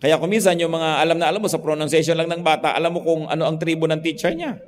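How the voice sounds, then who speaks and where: Male pastor mid-sermon, raised voice, shifts from hushed to emphatic; long hall reverb. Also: a little high, steady tone, fast. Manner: preaching in Tagalog mixed with English, swinging from soft to emphatic.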